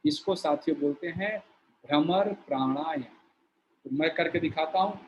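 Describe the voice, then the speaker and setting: High-voiced man teaching yoga breathing. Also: muffled recording, a little hiss or hum. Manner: slow, explanatory, shows movements while talking. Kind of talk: demonstrating a breathing exercise.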